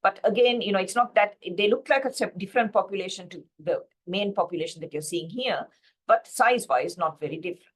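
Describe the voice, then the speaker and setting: A woman's voice: medium pitch, a little fast. A woman from Sri Lanka giving a slide-based pathology lecture, explaining steadily with frequent fillers and self-corrections over a video call.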